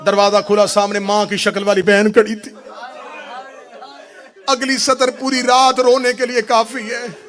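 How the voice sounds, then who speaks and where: A male preacher from Pakistan giving a mourning sermon, telling the story dramatically and swinging from hushed lines to shouted ones. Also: high-pitched, flat delivery, unhurried, pauses often, some chatter behind. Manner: dramatic storytelling, voicing quoted speech.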